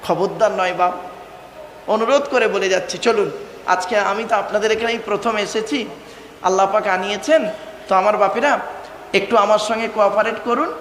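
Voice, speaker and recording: A man's voice: high voice, moderate pace, pauses often, fairly bright tone, slight background noise. A man preaching a Bengali waz sermon to a crowd, calling out to the listeners, reeling off rhythmic lists and drawing out his emphatic phrases. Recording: echoey hall with long reverb.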